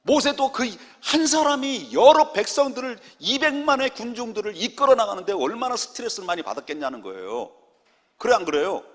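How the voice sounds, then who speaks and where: A middle-aged man, a senior pastor, preaching a lively sermon and joking with his congregation. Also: very high-pitched, fairly quick. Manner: animated, jokes with the congregation, acts out quotes. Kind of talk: lively Friday prayer-meeting sermon. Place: church sanctuary. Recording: long church hall reverb.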